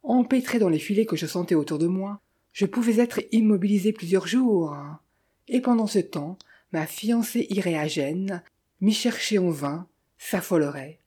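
A woman narrating a novel in the first person with steady storytelling. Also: mid-range voice, moderate pace, breathy edge. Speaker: audiobook reader. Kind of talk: scripted narration.

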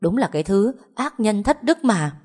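A woman voicing a doting, quick-tempered older village mother who cries, pleads and scolds. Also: mid-range voice, very animated, a little mellow, slightly rough, pitched above the performer's own voice. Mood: scolding.

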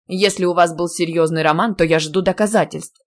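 A woman's voice: fairly low pitch, fairly even intonation, fairly quick, natural voice. Woman voicing a fussy outraged old-school dean. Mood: sarcastic scolding. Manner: loud scolding, theatrical outrage. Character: indignant fussy middle-aged male deputy dean.

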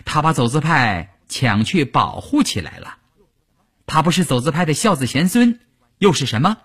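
A male storyteller voicing a cold, ruthless female deputy political commissar who speaks slowly and deliberately. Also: on the high side, big pitch swings, fairly bright tone, breathy edge, pitched above the performer's own voice, heavily acted. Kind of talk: traditional storytelling.

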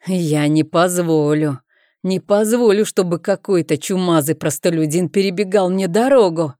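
A woman's voice: on the low side, moderate pace, dark tone, dry recording, clean studio sound, close to an everyday voice. Woman as a proud nobleman, scornful, indignant, storybook reading.

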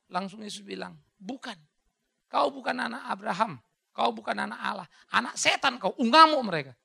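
Preacher, male, high and animated, gravelly and sharp, mixes in English phrases. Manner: animated, mixes English words, acts out quoted voices. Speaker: pastor. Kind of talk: sermon with Q&A. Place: church hall.

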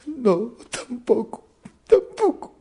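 A man voicing a foolish young simpleton in a shrill, whiny, sobbing high voice. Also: big pitch swings, a little slow, warm tone, slightly rough, heavily acted.

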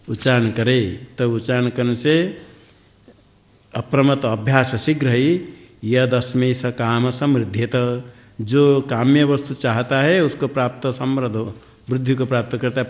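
Man giving a slow spiritual discourse. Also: mid-range voice. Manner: slow, repeats words to drill Sanskrit pronunciation; chants Sanskrit verses in between explanations. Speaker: swami teaching Upanishads.

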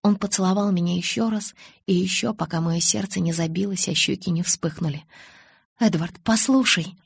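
A woman's voice: on the low side, steady tone, a little fast, vocal fry, husky, dry recording. A woman narrating a first-person romance audiobook in an intimate storytelling manner. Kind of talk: scripted narration.

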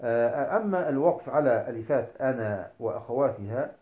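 A man teaching tajweed rules, explaining slowly and drawing out each example word for emphasis. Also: medium pitch, expressive, roomy sound, phone-quality sound. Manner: slow, deliberate explanation, with examples drawn out for emphasis. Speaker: Quran recitation teacher. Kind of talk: tajweed lesson.

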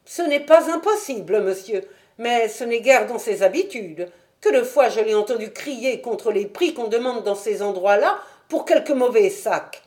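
Woman doing a shrill, fussing boatman's wife. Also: lively intonation, moderate pace, natural voice. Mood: chatty. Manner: loud, fussing and talkative. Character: shrill stout working-class boatman's wife.

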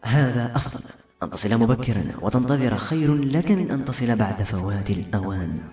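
A man's voice: medium pitch, animated, brisk, mellow, close to an everyday voice. A man voicing a stern, caring father. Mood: firm. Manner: firm, admonishing. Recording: echoey room, faint music.

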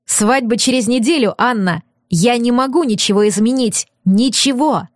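A woman's voice: a little high, normal speed, no echo, studio quality, lightly acted. A woman reading an audiobook and voicing a stern, torn young aristocratic man with firm, clipped, bitter delivery. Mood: shouting. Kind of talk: audiobook character voice.

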